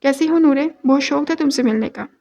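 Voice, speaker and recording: A woman voicing a lively young office worker who is bubbly, easily hurt, and mixes English into her speech, in an audio novel reading. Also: sits high.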